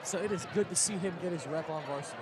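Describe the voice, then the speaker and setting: Male colour commentator, high voice, conversational live football analysis, loud crowd all around. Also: quick pace. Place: outdoor football stadium. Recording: noisy outdoor stadium, loud crowd.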